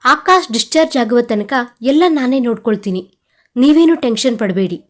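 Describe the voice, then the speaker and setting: A man's voice: very high voice, expressive, normal speed. A woman voicing a confident young man who takes charge and reassures an older relative, in a romantic audio story. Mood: reassuring. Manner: firm, reassuring.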